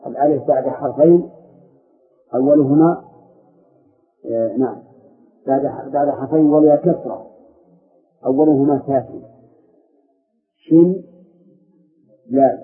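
A man leads a grammar lesson, walking through verses and stopping to question and correct his students. His voice comes through a narrow, tinny recording. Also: mid-range voice. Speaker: sheikh teaching grammar. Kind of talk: classroom lesson explaining verse. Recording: tinny phone-like audio.

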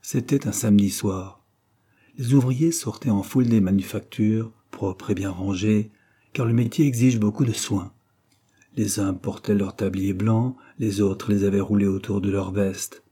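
Male audiobook narrator, measured, low, husky, dark. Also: fairly even intonation. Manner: measured, addresses the reader. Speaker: audiobook reader.

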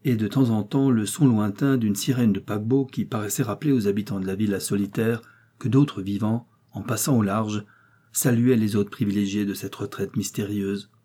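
A man narrating a novel aloud in a measured, expressive reading. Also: lowish voice, breathy edge. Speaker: audiobook narrator. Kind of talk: scripted narration.

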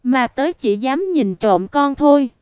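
A woman reading the part of a tearful middle-aged mother in a storybook, in a soft, pleading way. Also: high voice, animated, measured pace, clear, resonant tone, no echo, studio quality. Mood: fearful.

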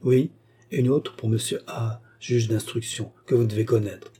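A man's voice: medium pitch, steady tone, moderate pace, dark tone, breathy edge. A man reading a storybook and voicing a composed, secretive young courtesan woman with a firm manner. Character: cool-headed resolute young courtesan woman.

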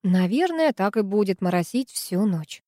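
A woman's voice: mid-range voice, lively intonation, moderate pace, warm tone, dry recording, studio quality, close to an everyday voice. A woman voicing a curious, somewhat unsure teenage girl in an audiobook, speaking hesitantly.

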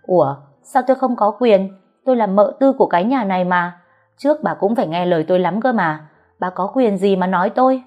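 A woman voicing a shrill, spiteful young woman who scolds and sneers, on a dull lo-fi recording with faint music behind. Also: big pitch swings, a little slow, hardly any pauses. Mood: venomous.

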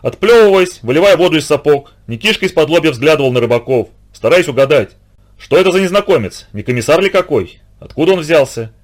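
A man reading a story aloud in a steady, expressive audiobook narration. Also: fairly high pitch, fast.

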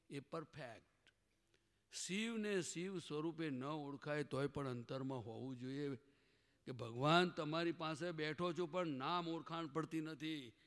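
With a fairly high pitch and a fairly bright tone, this spiritual teacher preaches to a gathered crowd. He keeps asking them questions and pressing for answers, and a long hall reverb surrounds his voice.

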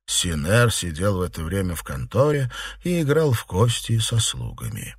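A man narrating a classic novel as an audiobook in an expressive, theatrical way. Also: low voice, moderate pace, husky, no room sound.

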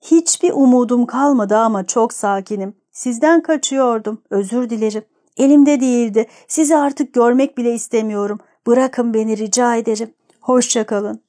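A woman's voice: fairly high pitch, moderate pace, dark tone, natural voice. A woman reading the lines of a desperate young man in love, urgent and pleading. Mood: resigned.

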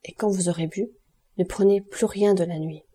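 A woman voicing a mysterious male count in an audiobook, speaking in a hushed, grave and insistent way. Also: lowish voice, steady tone, normal speed, slightly rough. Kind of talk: audiobook character reading.

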